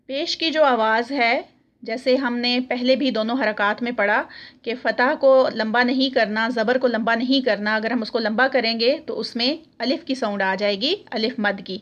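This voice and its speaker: A woman with a Pakistani Urdu accent, teaching Quran reading and reciting letter sounds slowly. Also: fairly high pitch, a bit bright, lo-fi sound. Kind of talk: recorded Arabic letter lesson.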